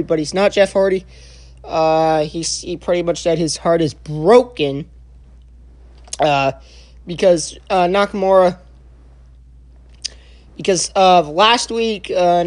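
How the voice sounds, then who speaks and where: A young man giving a casual spoken review, halting and full of filler sounds and restarts. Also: high-pitched, a little mellow. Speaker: wrestling show reviewer.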